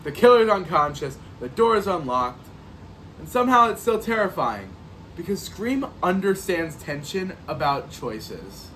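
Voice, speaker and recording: Reviewing a horror sequel alone on his podcast, this host talks in a high, unhurried voice with slight background noise. His take is sarcastic and jokey, and he performs animated impressions of how the audience reacts.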